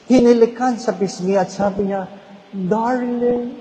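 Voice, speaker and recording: High-voiced priest in an echoing church. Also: male voice, slow pace, dark tone. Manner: storytelling, humorous, addressing congregation. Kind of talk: homily. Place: parish church. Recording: church with long reverb.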